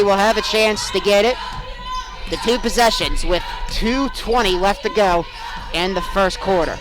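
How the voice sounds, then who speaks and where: The audio quality is poor in this clip of a young adult male sportscaster, whose very high-pitched voice carries emphatic, projected play-by-play broadcast commentary.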